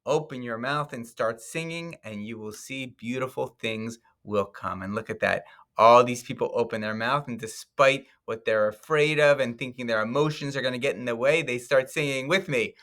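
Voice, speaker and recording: A man teaching young children, telling a story and leading them in song with an animated, sing-song manner. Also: medium pitch, moderate pace. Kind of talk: storytelling and singing lesson for children.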